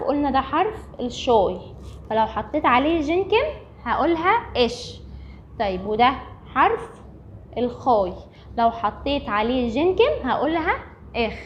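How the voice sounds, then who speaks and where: Egyptian woman teacher, patient step-by-step explainer, somewhat high voice, dull lo-fi recording. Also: slight background noise. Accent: Egyptian Arabic. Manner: patient, repeating each point step by step. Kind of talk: recorded language lesson.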